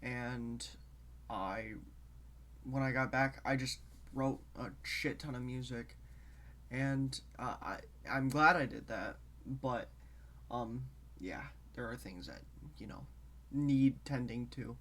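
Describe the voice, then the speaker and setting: A man hosting his own show in casual solo talk, rambling and halting as he drifts between topics, a bit congested. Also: mid-range voice, fairly bright tone. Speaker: show host.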